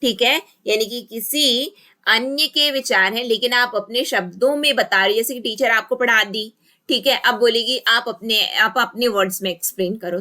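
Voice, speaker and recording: A woman's voice: on the high side, bright, forceful tone. A woman teacher giving an exam-prep lecture, mixing Hindi and English, asking and answering her own questions and dictating key terms word by word.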